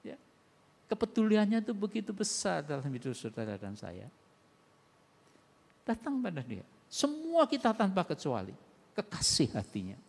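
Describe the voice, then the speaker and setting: A man preaching a sermon as pastor, animated and acting out voices, with sharp swings in loudness. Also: sits high, normal speed, vocal fry, pauses often, breathy edge. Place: church sanctuary. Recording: long church hall reverb.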